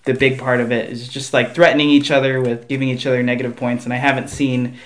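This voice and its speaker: A man's voice: medium pitch, flat delivery, fast. A man chatting casually as a podcast guest in a hesitant, rambling way. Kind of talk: casual chat about board games.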